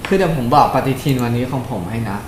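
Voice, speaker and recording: A man's voice: mid-range voice, lively intonation, very fast, soft background music. A young man streaming a mobile game, chatting casually and jokingly while reading his viewers' messages aloud. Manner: joking, reads and answers viewer chat aloud. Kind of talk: casual live-stream chat. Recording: echoey room with background noise.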